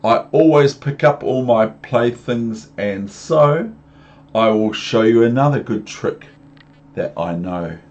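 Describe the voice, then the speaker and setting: A man voicing a mischievous talking storybook cat who is rueful and reassuring, with drawn-out repetitive phrasing. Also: mid-range voice, expressive, a little mellow. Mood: confident. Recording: muffled lo-fi home recording with background noise.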